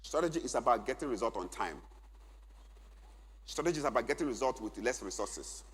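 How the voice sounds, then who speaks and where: At a church men's conference, a middle-aged man teaches with real emphasis, circling back to key phrases for those taking notes. His mid-range voice is husky yet a bit bright, fairly quick, and lively in intonation, echoing at length in a large church hall.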